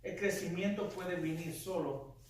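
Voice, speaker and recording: An unhurried pastor with a high voice delivers an emphatic sermon packed with rhetorical questions. He is in a church sanctuary, and the distant mic picks up the echo of the hall.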